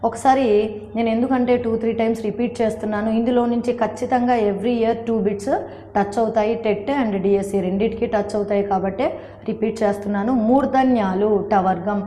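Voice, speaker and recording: A fairly high-voiced woman teaches an exam-prep grammar lesson. She repeats key terms slowly and speaks to her viewers as friends. Her voice carries a long, roomy reverb. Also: fairly even intonation, warm tone. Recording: echoey room with long reverb.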